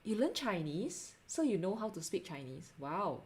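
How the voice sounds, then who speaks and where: A young art livestreamer with a Singaporean accent and a somewhat low voice talks to her audience while she draws. She sounds very animated, with a breathy edge, and her casual delivery is halting, giggly and self-deprecating.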